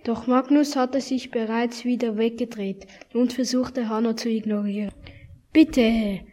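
A woman reading a children's story aloud in a gentle, expressive manner. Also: a little high, moderate pace. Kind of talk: scripted storybook narration.

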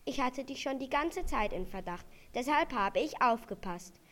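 A woman voicing a watchful male reindeer in a storybook, reproaching a friend briskly. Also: sits high, expressive, a bit bright. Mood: reproachful.

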